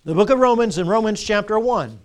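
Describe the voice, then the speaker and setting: High-voiced emphatic male preacher. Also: expressive, a little fast, darkish tone. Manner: emphatic call-and-response questioning, repeating key phrases. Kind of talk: sermon.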